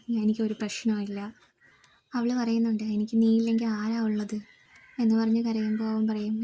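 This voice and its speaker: A woman retelling a drama's episode as a fast storytelling recap, reading quoted lines in her own voice. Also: a little high, mellow, slight background noise.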